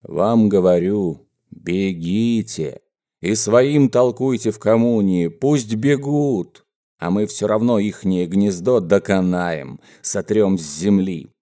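In a storybook reading, a man voices a menacing, mustached bandit gang boss, delivering gruff, slow, threatening speeches. His voice is fairly low with a dark tone.

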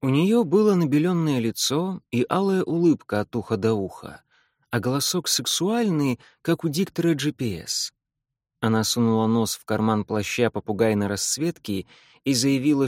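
A man narrating an audiobook in the first person, wry and deadpan. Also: mid-range voice, no room sound, studio quality.

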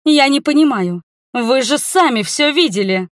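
A woman voicing a haughty scheming noble mother who feigns innocence, in a high, loud voice. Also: animated, normal speed, no room sound, studio quality. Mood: haughty indignant.

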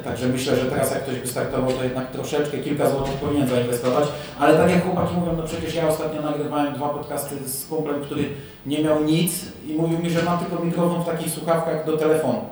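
A man's voice: fairly high pitch, level tone, fast, a little mellow. A man podcaster talking casually in a panel chat, in an easygoing, rambling way. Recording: very echoey room, distant mic, faint hiss.

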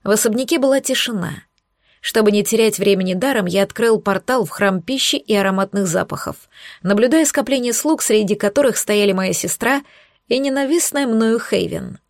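A woman reading a first-person fantasy audiobook with an expressive, dramatic delivery on a close mic. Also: medium pitch, moderate pace, dry recording. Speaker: audiobook reader.

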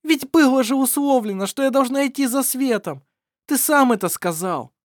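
A reader voicing a defiant young woman who cries out high and indignant, in an audiobook. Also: lively intonation, moderate pace, no room sound, clean studio sound.

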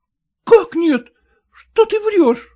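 An indignant, fussy middle-aged lady of the house with a high, shrill voice, as a male reader puts her on. She speaks with big swoops of pitch, sounding outraged and easily flustered, in a storybook reading. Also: lively intonation, drawn-out words, warm tone, heavily acted. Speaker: character in a read story.

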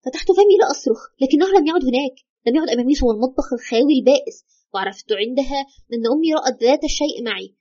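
A woman's voice: high-pitched, expressive, rapid-fire, mellow, slightly rough, dull audio, full character voice. A woman playing a frightened widow haunted by her husband's ghost, retelling her story in a fearful, urgent way in an audio horror drama. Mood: tense. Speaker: storyteller consulting a doctor.

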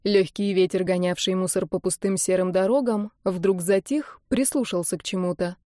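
A woman narrating a dramatic novel in steady storytelling style. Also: lowish voice, normal speed, no echo, studio quality. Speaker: audiobook narrator. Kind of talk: scripted narration.

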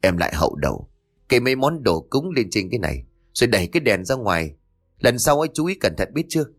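A man voicing a stern middle-aged man with a dark secret, scolding and curt, in a spoken ghost story. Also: on the low side, sing-song, fast.

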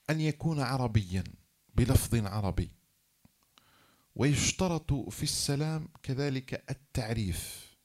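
A man giving a classroom lecture, explaining rules one by one and repeating key phrases. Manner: acts out example phrases, then drops low to rule them invalid.

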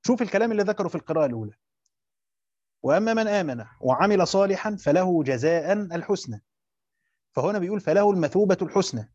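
A man's voice: a little high, a little mellow, dry recording. A man with an Egyptian accent teaching a lesson on Quranic commentary, explaining step by step, repeating phrases and quizzing his students. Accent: Egyptian Arabic. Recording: muffled, dry lo-fi recording.

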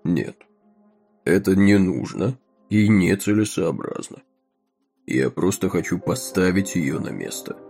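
An actor playing a smug, scheming male railroad executive who speaks in a crisp, monotone, self-assured way. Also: sits low, measured pace, faint music behind, exaggerated voice.

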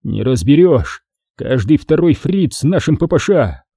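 A gruff sergeant-major, wounded and hoarse, grumbling through the pain, as a man puts him on. The voice is dark and raspy, lifted a little above the narrator's own. It is a dry, close reading. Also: fairly high pitch, very animated, measured pace, no room sound, exaggerated voice.

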